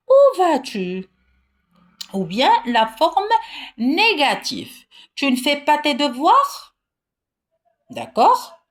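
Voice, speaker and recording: A woman's voice: deep voice, breathy edge. A woman teaching a grammar lesson to children, patient, repeating key points and checking in often. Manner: raises her voice when reading questions aloud.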